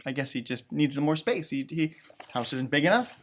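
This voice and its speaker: Speaking briskly in a fairly high voice, a man who teaches reads a children's book aloud. His delivery is lively and rambling, filled with playful, chatty commentary.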